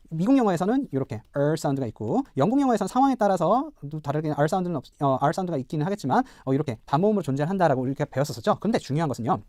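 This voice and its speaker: A middle-aged man, a professor, giving a recorded pronunciation lecture, explaining step by step, repeating example words slowly and asking checking questions. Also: fairly high pitch, darkish tone, no echo, clean studio sound. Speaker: professor teaching English pronunciation.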